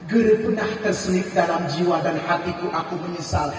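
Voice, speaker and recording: A preacher doing a grieving humble husband. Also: male voice, high voice, a little fast, a little hiss or hum, pitched below the performer's own voice, natural voice. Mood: sorrowful. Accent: Gayo. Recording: echoey hall, distant mic.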